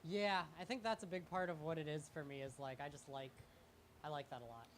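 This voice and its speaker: Halting, rambling young man. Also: on the high side, steady tone, fairly bright tone, a little hiss or hum. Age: young adult. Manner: halting, rambling, self-deprecating. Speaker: comedian guest. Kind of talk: live talk-show interview.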